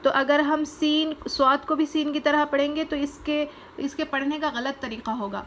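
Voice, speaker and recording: A woman teaching Quran recitation, patiently repeating each letter name slowly and explaining how to pronounce it. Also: sits high, fairly even intonation, fairly bright tone, slight background noise. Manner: patient, plain instructional tone. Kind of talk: step-by-step pronunciation lesson.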